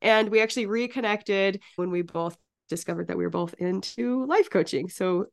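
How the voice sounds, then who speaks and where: A woman's voice: medium pitch, normal speed, creaky. A woman hosting a podcast, chatting in an upbeat, easygoing way while getting over a cold. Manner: upbeat, chatty, laughs easily. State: has a cold. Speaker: podcast host. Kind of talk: casual podcast chat.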